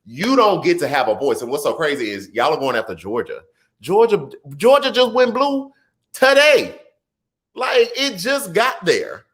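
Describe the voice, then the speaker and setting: This time the man in his thirties hosting the live political stream talks a little slowly, though his pitch still swoops with energy. He reads viewer comments conversationally, drifting between weighty points and lighthearted asides and laughing easily.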